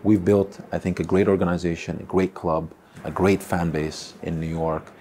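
A man in his forties, a club chairman in a sit-down interview, speaking haltingly with many repeats and fillers. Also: sits low, flat delivery, dark tone, a little hiss or hum. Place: indoor room by a window. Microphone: close mic, seated on camera.

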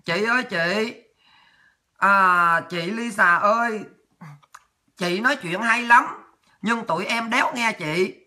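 A woman's voice: mid-range voice, takes it slowly, long pauses, bright, forceful tone. A woman voicing a mocking pro-government online troll who taunts the host. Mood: taunting. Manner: taunting, sneering.

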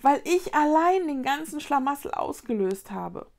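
A woman's voice: on the high side, moderate pace, close to an everyday voice. A woman reading a children's storybook aloud, voicing an impulsive young witch girl with emphatic, agitated questions. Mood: insistent.

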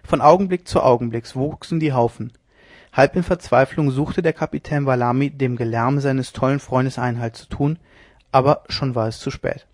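A man narrating a classic novella as an audiobook in a measured, steady storytelling manner. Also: mid-range voice, dry recording, clean studio sound.

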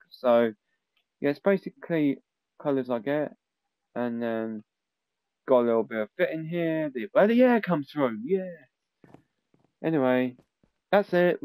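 A man's voice: fairly high pitch, darkish tone, dry recording. A young man giving a rambling, casual gameplay commentary as he tours a building he made. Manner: rambling, informal, with frequent fillers. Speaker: gaming YouTuber.

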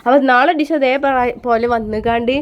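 A woman's voice: a little high, steady tone, brisk, dull audio. A woman, chatting casually to her viewers in a family vlog. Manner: chatty, addresses viewers, ends remarks with soft tags. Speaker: family vlogger.

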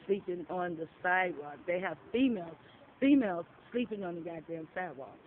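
Speaking in a lowish, expressive voice at a brisk clip, a shelter resident tells a story casually, bluntly, and with plenty of swearing, voicing the dialogue she quotes. Her phone picked it up outdoors, giving tinny sound and faint noise.

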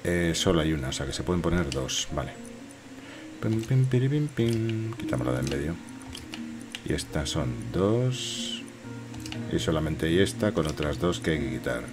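A man in his fifties with a Spanish accent from Spain speaks at an extremely low pitch and normal speed. He's a game streamer offering jokey, casual commentary, muttering to himself and echoing the game's lines over game music.

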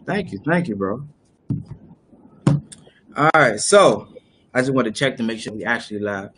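A man's voice: mid-range voice, lively intonation, normal speed, noisy background. A young man hosting a casual discussion on a live video call, explaining at length with many fillers and restarts. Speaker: host. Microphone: webcam on a video call.

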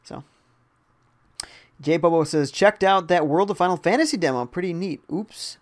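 A man's voice: sits high, normal speed. A young man casually commentating a live game stream, reading viewer chat aloud and reacting to the gameplay. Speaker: gaming streamer.

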